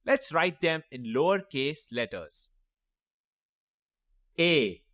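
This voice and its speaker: A man teaching a children's phonics lesson, sounding out letters and words slowly and clearly and encouraging young learners. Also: fairly high pitch, big pitch swings, a bit bright, no room sound, clean studio sound. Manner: slow, clearly sounding out each letter and word.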